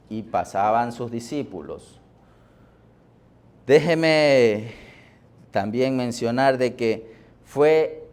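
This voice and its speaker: Slow, deliberate male preacher. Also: mid-range voice, a little mellow. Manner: deliberate preaching with pauses and fillers, rising on key words. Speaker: pastor. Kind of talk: sermon. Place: church.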